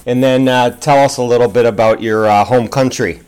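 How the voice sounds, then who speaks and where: A man's voice: medium pitch, steady tone, brisk, a little mellow, clear, resonant tone. A man hosting a podcast, asking interview questions casually and hesitantly with many fillers.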